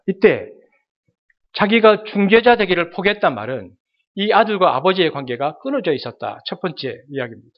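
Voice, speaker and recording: Man, pastor, dramatic sermon, high voice, dull lo-fi sound. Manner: dramatic, acts out quoted voices, addresses congregation directly.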